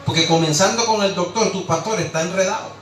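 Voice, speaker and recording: High-voiced fiery preacher, echoey room. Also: male voice, fast, a bit bright, slight background noise. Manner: impassioned, rhetorical, scolding. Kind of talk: sermon. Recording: echoey room, distant mic, faint ambience.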